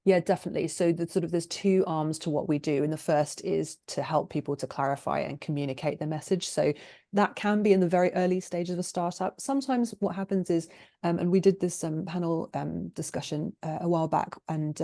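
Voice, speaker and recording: A woman's voice: fairly low pitch, fairly even intonation, a little fast, creaky, mellow, no echo, studio quality. A woman giving casual interview answers as a guest, informally acting out little quotes as she explains. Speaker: guest, copywriting agency owner.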